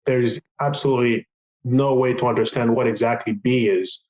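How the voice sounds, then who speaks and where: Middle-aged man, patient advocate; earnest, reflective, mid-pitched, filler-heavy. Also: steady tone, moderate pace, a little mellow, low-quality recording. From Tanzania. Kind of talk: recorded podcast testimony.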